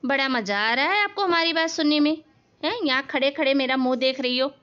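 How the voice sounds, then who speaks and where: A woman voicing a spoiled, bossy young married daughter in an animated family story, snapping and shouting orders. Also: sits high, fairly quick, lo-fi sound. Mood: angry. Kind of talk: animated cartoon voice acting.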